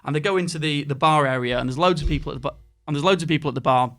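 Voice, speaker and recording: Man, podcast host, quick chatty storyteller, slightly high voice. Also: fairly bright tone. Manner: chatty, rambling storyteller with frequent fillers. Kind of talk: casual chat and anecdote telling.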